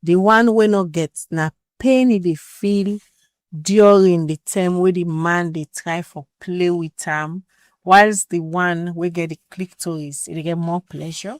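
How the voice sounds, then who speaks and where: A woman's voice: fairly low pitch, steady tone, measured pace, no room sound, clean studio sound. A woman with a West African Pidgin English accent, asking questions as an interviewer in a conversational way.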